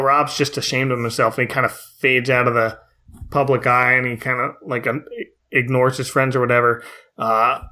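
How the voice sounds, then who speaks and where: A man's voice: medium pitch, sharp tone. A man co-hosting a podcast, casually recapping a film in a wry, joking way. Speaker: podcast co-host.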